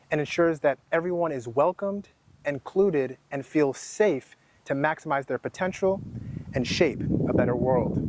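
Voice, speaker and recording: A man with a slightly raised voice hosts an interview recorded inside a school, with faint room noise behind him. He opens with a measured, announcer-like scripted introduction and then moves into friendly questions. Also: fairly high pitch. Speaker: podcast host. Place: school building.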